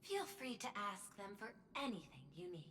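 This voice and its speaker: A woman's voice: mid-range voice, big pitch swings, normal speed, fairly bright tone, slight background noise. An actress voicing a poised, calculating woman CEO in a video game, formal and faintly menacing.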